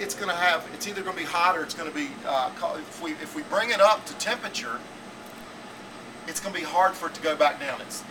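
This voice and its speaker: Forties guy teaching a cooking class, kinda high voice, rambly, says okay a lot, camera mic off at a distance. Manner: rambling, repetitive, checks in with "okay?". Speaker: culinary teacher. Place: school teaching kitchen, indoors. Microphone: camera mic from a few feet away. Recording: distant camera audio with air-conditioning hum.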